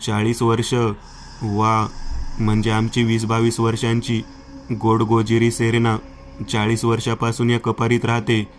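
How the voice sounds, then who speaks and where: A man's voice: fairly low pitch, monotone, unhurried, slight background noise, lightly acted. A man voicing a frightened young man trapped in a cave, panicked and pleading, in a horror story. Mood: alarmed.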